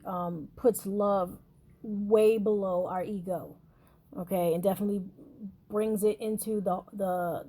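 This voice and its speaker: A woman's voice: medium pitch, dark tone. A woman giving a casual spiritual talk about deities, rambling with many fillers and restarts. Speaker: spiritual shop owner teaching about deities.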